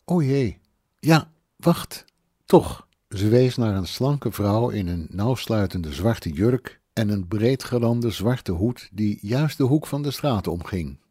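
A man reading a novel aloud in a calm, even storytelling manner. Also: fairly low pitch, unhurried, few pauses, husky, no echo, clean studio sound. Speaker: audiobook narrator. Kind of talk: scripted narration.

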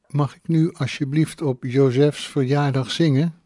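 A man's voice: medium pitch, fairly even intonation, a little slow, dark tone, no echo, clean studio sound, voice pushed up, lightly acted. A man voicing a drunk, tearful young woman singer who pleads in a whiny, raised voice. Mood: pleading.

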